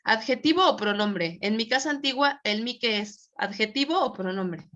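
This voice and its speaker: A woman's voice: a little high, lively intonation, normal speed, sharp tone. A woman teaching a Spanish grammar class online, patiently checking that students follow. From Mexico. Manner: patient, checks understanding often. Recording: dull lo-fi audio.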